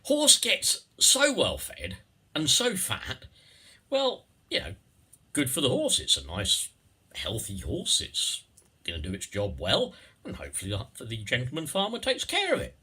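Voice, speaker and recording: A man's voice: mid-range voice, huge pitch swings, measured pace, bright, forceful tone, slightly rough. A man giving a rambling, satirical monologue in a theatrical, digressive way, repeating phrases and tagging on questions.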